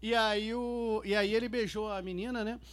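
A man's voice: sits high, fairly even intonation, normal speed. A middle-aged man, chatty and jumping between asides in a casual chat.

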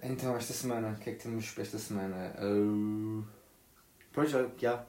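A young man with a European Portuguese accent hosting a podcast in casual, chatty talk, often chiming in with quick agreements. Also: lowish voice, steady tone, dark tone. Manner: quick, chatty, affirming interjections. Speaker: podcast host. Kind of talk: casual chat. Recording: roomy echo.

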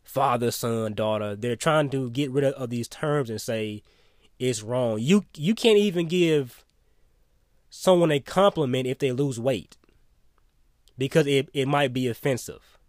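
A man's voice: mid-range voice, a little slow, no room sound, studio quality. A man delivering a solo opinion monologue in a blunt, emphatic way, sometimes swearing. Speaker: opinion commentator.

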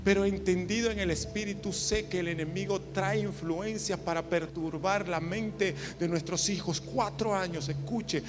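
A man preaching a sermon, moving from hushed storytelling to loud impassioned preaching. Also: sits high, background noise. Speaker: pastor.

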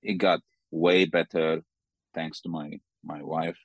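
A man in his forties with a Sudanese accent, answering interview questions in a halting, careful way and often repeating words. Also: very deep voice, little pitch movement, dry recording. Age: 40s. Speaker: interview guest. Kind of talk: conversational interview.

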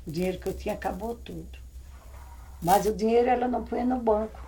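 A woman's voice: medium pitch, quick pace, mellow, poor audio. An older woman with a Brazilian accent telling old family stories in a rambling, vivid way. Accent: Brazilian Portuguese. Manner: rambling, vivid, re-enacts scenes with exclamations. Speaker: family elder recalling old times. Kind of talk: casual oral storytelling.

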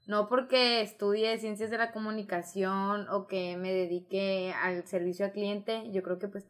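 A young woman with a Mexican accent, talking casually in a group and often pausing on fillers. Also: medium pitch, little pitch movement. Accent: Mexican Spanish. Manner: hesitant, filler-heavy, laughing. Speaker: café worker.

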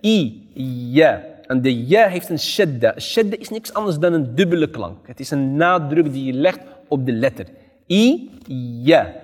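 A man's voice: a little high, darkish tone, breathy edge, in a large hall. A man, an imam, giving a Quran recitation lesson. He chants example verses and patiently contrasts correct and wrong pronunciations.

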